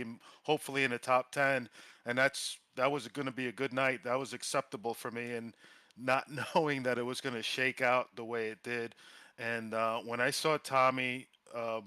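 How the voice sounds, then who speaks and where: A man's voice: mid-range voice, bright, forceful tone, clean tone, no room sound. A man giving a post-race interview after winning, rambling and correcting himself as he goes. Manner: rambling, self-correcting, laughs between thoughts. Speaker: race winner, sim racer.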